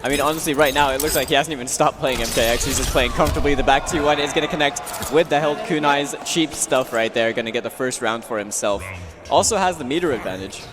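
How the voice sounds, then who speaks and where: A man's voice: mid-range voice, fast talker. A man giving live fighting game commentary as an esports commentator. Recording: loud music behind, live venue. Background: music and event venue sound.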